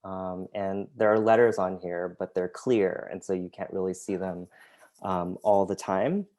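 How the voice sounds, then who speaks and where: Speaking in an unhurried, low voice with fairly even intonation, this man walks viewers through his work as a graphic designer and artist during an online talk on a video call. He grew up speaking Vietnamese and is from the United States. His soft-spoken delivery is hesitant and full of ums and other fillers.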